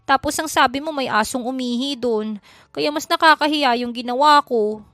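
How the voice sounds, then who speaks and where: Flustered shy young woman, voiced by a woman, high and excitable, storybook reading, dry close sound. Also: moderate pace, dry recording, faint music behind. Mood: apologetic.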